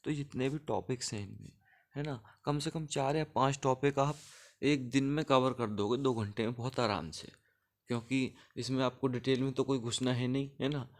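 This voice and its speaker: A man's voice: medium pitch, moderate pace. Chatty young man coaching exam takers. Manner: conversational, keeps asking for agreement. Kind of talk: casual Hindi tutoring talk.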